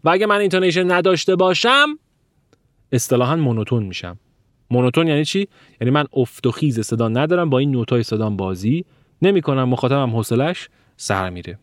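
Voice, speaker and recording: A male language teacher lectures with emphatic stress and sweeping pitch changes. He slows down deliberately to spell out example sounds. His voice sits in a middle register and sounds dry and close, with no room echo. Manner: emphatic, swings pitch widely to demonstrate stress and intonation.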